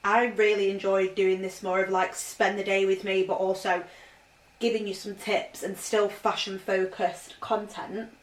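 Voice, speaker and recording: With little pitch movement and a measured pace, a fashion vlogger's mid-range voice rambles through a vintage clothing haul at home, heavy on "like." The casual vlog is heard off-mic in a room with roomy echo.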